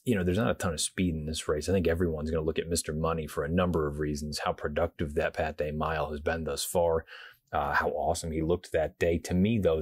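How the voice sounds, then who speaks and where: Hushed, low-pitched man previewing races. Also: breathy edge, dry recording. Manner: hushed, quiet indoor voice, holding volume down. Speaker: horse racing show host. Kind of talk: casual race preview commentary. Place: hotel room.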